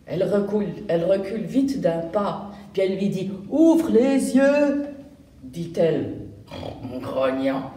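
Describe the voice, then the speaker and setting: A woman reading a picture book aloud to young children in a library, explaining words as she goes. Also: on the low side. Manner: slow and animated, explaining words to kids. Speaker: volunteer children's reader. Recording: roomy room, distant mic.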